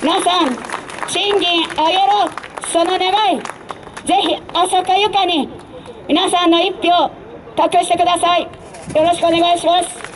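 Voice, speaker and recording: A woman election candidate delivering an emphatic street campaign speech through a handheld microphone, in deliberate phrases with direct appeals. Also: extremely high pitch, steady tone, a faint crowd, rough recording. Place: outdoor urban street rally stage. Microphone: handheld mic over PA, filmed from a distance. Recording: faint outdoor street noise.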